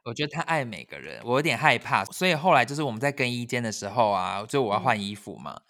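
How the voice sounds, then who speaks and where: A man chatting casually, telling a story with lively, animated quoting of others. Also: quick pace. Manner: animated, acts out quotes with sudden high squeals. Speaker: storyteller in a chat. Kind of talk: casual chat.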